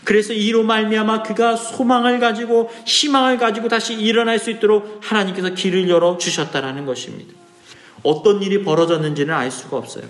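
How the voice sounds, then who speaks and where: In an echoey church hall with soft music behind him, a pastor preaches a sermon in a high, slightly fast voice. He asks his congregation rhetorical questions and pleads with feeling as he voices the psalmist.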